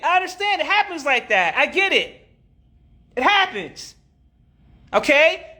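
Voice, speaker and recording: A woman streaming live as a spiritual teacher. She answers comments casually, curses freely, jokes and laughs a lot, and often says a phrase two or three times in a row. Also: high-pitched. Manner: profane, joking and animated, repeats phrases, laughs often.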